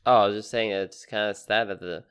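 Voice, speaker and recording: A man's voice: fairly low pitch, fairly even intonation, quick pace, a bit bright, smooth. A young man co-hosting a casual podcast chat, speaking hesitantly and laughing often. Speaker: podcast co-host.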